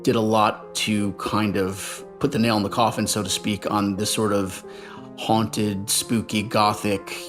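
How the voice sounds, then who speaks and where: A man's voice: on the low side, level tone, a little slow, over music. A man giving conversational analysis as an interview guest. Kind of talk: conversational film history analysis.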